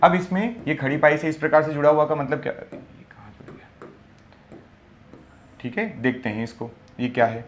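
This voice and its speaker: A man's voice: fairly high pitch, a little hiss or hum. Man teaching, answering his own questions. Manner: asks rhetorical questions and answers them himself; repeats key words slowly for emphasis. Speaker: exam coaching teacher. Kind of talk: classroom lecture on Hindi grammar.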